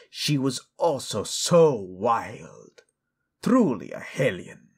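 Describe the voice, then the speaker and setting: This dramatic audio roleplay features a man heavily acting as a scheming, cold royal father of middle age. Slow and theatrical, he insinuates with mock courtesy, his mid-range voice gravelly and husky.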